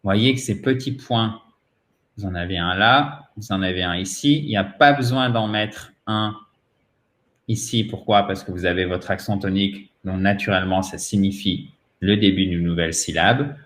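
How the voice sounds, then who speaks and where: A man's voice: low voice, fairly bright tone, roomy sound. French-accented man teaching pronunciation. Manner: patient, repeats words slowly for drilling. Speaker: English teacher. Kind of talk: pronunciation lesson.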